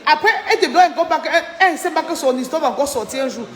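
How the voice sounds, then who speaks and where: Racing along in a high-pitched voice, a tired woman holds a casual live-stream chat, calling out viewers' names in thanks and fuming about a falling-out. The room is echoey, leaving a long reverb tail.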